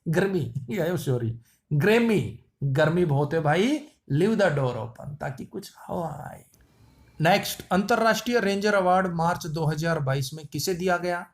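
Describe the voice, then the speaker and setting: High-voiced playful man teaching quiz tricks. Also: unhurried. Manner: playful wordplay, repeats lines. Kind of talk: memory-trick quiz lesson.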